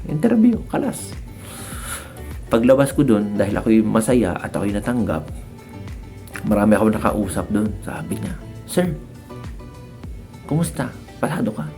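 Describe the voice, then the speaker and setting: A man from the Philippines tells his story to viewers in a chatty, casual way and acts out the dialogue. His voice is low, dark and gravelly. Faint music plays behind him. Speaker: vlogger sharing work-abroad experience.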